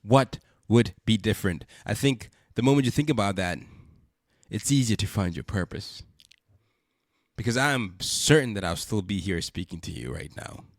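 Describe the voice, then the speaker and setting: A podcast host congested from a cold gives a reflective monologue in a stuffy, low-leaning voice that is expressive and at normal speed. He speaks earnestly and repeats rhetorical questions, recorded at studio quality with no room sound.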